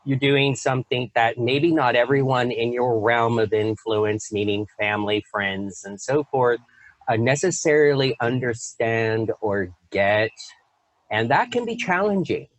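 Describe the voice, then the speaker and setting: A man hosting an interview over a video call, chatting casually, laughing often and talking in a lively way with plenty of fillers. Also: mid-range voice, a little slow, no echo, low-quality recording. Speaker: host.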